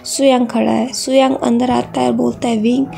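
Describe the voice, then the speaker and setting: Woman reading a story, gravelly low-toned voice. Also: a little fast. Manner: calm, even storytelling with plain character voices. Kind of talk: reading a fan fiction story aloud.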